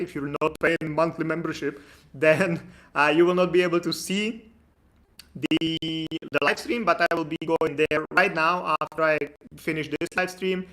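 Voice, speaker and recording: On his live stream, a man from the Czech Republic who works as an immigration consultant banters informally with the people watching. A native Czech speaker with a Czech accent, he has a fairly high, bright voice and a forceful tone.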